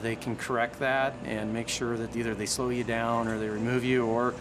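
A man's voice: medium pitch, little pitch movement, moderate pace, noisy background. Earnest man recalling heart rehab. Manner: earnest, reflective. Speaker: cardiac rehab patient. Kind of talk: documentary interview. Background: background music.

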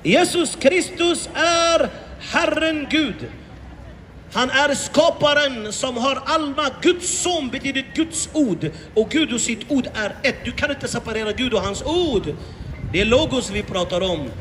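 A man's voice: very high voice, fairly bright tone, in a large hall, slight background noise. A man preaching to passers-by outdoors on a city street, impassioned and full of repeated rhetorical questions. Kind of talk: open-air evangelistic preaching.

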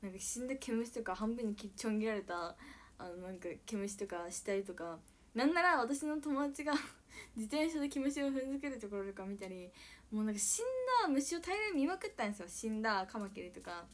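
A young woman from Okayama with an Okayama accent, chatting casually on a live stream and reading out comments, swinging between squealing shouts, giggles and soft whispers. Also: on the high side, lively intonation, fairly quick. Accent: Okayama Japanese. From Okayama, Japan.

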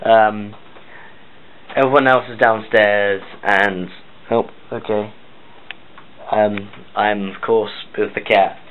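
A man's voice: fairly low pitch, steady tone, slow pace, long pauses. A man who is ill, hosting a casual vlog with a muffled voice and lots of hesitant ums. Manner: hesitant, many ums and uhs. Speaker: channel host. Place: at home. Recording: tinny lo-fi phone-like recording with faint hiss.

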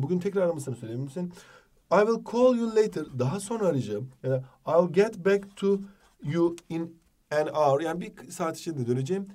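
A man teaching a jokey exam-prep lesson, with a Turkish accent, reading English phrases slowly. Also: sits high, mellow, recorded from a distance.

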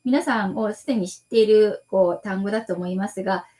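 A woman teaching an online language class, repeating model sentences slowly and patiently and adding soft fillers as she explains. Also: medium pitch. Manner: slow, patient drilling with repeated model phrases; adds frequent softening fillers. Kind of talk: online lecture.

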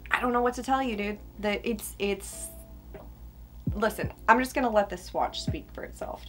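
With music in the background, this young woman ranks beauty products in a casual chat to camera from a small, furnished indoor room. Her delivery is emphatic, casually profane and normal in speed, her pitch medium, her s whistling.

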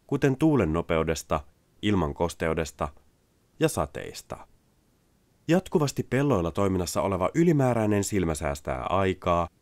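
Deep-voiced man, dry voice-over. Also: no room sound. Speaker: narrator. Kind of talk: scripted product narration.

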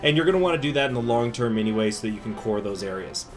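A man's voice: mid-range voice, expressive, very fast. A man speaking through a face mask, giving a chatty, informal strategy game tutorial as the host. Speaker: gaming video host. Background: music.

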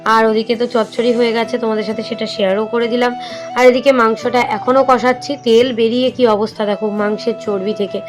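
High-voiced chatty woman vlogger. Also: little pitch movement, a little fast. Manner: chatty, explains cooking step by step to viewers; coaxing, sing-song talk to young children. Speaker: lifestyle vlogger and mother. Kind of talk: casual home vlog narration. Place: home kitchen. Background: background music.

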